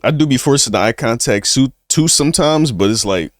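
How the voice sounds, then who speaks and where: A man's voice: mid-range voice, expressive, a little fast, no room sound, clean studio sound. A young man hosting a reaction video, chatting casually in loose slang and calling his viewers bro. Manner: laid-back slangy banter, addresses viewers as bro.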